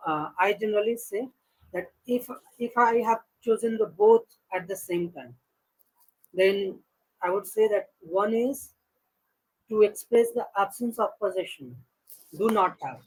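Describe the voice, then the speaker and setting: A man practicing English on a video call, carefully explaining grammar step by step with hesitant pauses. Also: high voice, a little hiss or hum, poor audio. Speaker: English learner. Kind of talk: conversational English practice session.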